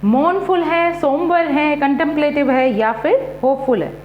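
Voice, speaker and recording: A woman's voice: sits high, normal speed, roomy sound, muffled recording, slight background noise. A woman teacher running an exam-prep quiz, mixing Hindi and English as she reads each question, repeats the options and then gives the answer.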